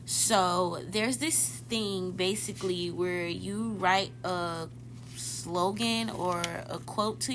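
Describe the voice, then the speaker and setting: Against a noisy background, a medium-pitched woman in her twenties hosts a casual motivational podcast. She talks directly to listeners and keeps correcting herself mid-thought.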